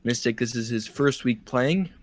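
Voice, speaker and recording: A man's voice: medium pitch, normal speed. Chatty male game commentator. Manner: chatty, explains plays. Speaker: esports caster. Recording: faint music behind.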